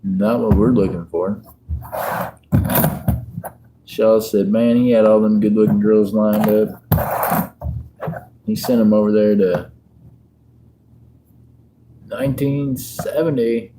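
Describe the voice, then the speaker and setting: Here a fiftysomething livestream host keeps things easygoing, bantering with viewers as he sorts coins. His lowish voice holds a steady tone, and he talks slowly with frequent pauses while background noise carries on.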